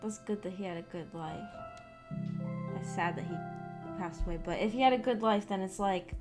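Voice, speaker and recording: Over background guitar music, a young woman rambles casually to her livestream audience, hesitating and letting thoughts trail away. She speaks at a moderate pace in a mid-range voice.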